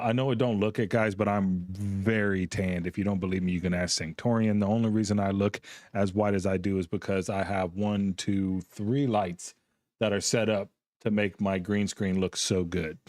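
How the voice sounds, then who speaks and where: Worn out middle-aged guy rambling to his stream chat, deep-ish voice, dry close sound. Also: fairly even intonation, moderate pace, a little mellow, no room sound. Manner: rambling, easygoing, chuckling between thoughts. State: tired, yawning. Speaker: gaming streamer host. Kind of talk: casual chat to a live stream audience. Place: home gaming room with a green screen.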